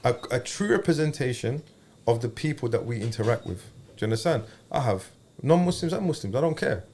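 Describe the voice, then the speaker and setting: A man's voice: medium pitch, expressive, brisk, darkish tone, a little hiss or hum. A man with an urban London roadman accent talking casually as a podcast host, using street slang and often checking that he is understood.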